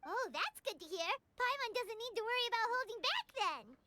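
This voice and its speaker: A woman voicing a tiny, greedy, cheerful childlike companion in a video game, squeaky and exaggerated. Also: lively intonation, fairly quick, sharp tone, no echo, exaggerated voice. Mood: delighted, greedy. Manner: squeaky, exaggerated, speaks of herself in third person. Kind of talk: video game character voice acting. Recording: game music behind the voice.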